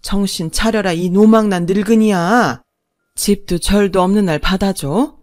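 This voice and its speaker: A woman voicing a long-suffering older mother-in-law who speaks in a forceful, cutting way. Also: mid-range voice, measured pace, close to an everyday voice. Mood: defiant.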